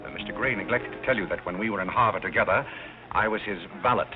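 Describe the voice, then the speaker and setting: Actor as a deep, deadpan screwball-banter butler. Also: male voice, quick pace, music in the background, lightly acted. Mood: guarded, discreet. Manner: deadpan, formally polite screwball comedy banter. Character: unflappable, courteous, dryly discreet butler. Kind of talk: 1930s screwball film comedy acting. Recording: tinny narrow 1930s film soundtrack.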